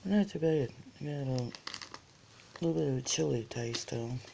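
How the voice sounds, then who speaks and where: Casual snack reviewer, heavy vocal fry, slow halting delivery, noisy recording with crinkling and clicks. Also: mid-range voice, expressive, mellow. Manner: halting, reads item by item with pauses.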